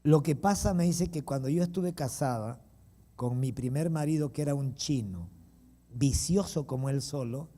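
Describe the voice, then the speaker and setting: A pastor preaching to his congregation through a personal story. His voice sits a little high yet sounds very mellow and dark in tone. He talks in an animated way, with chuckles and quick asides to his listeners. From Peru. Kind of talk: storytelling sermon.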